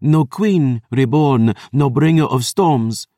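A man's voice: mid-range voice, expressive, slow, dark tone, dry recording, clean studio sound, voice pushed up. A man voicing an ancient, cruel female vampire who taunts in archaic, contemptuous speech. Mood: taunting.

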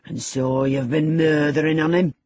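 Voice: medium pitch, steady tone, normal speed, darkish tone, husky, no echo, lightly acted. A reader voicing a pious, horrified old male servant with an in an audiobook. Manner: aghast, preachy. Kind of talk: audiobook character voice.

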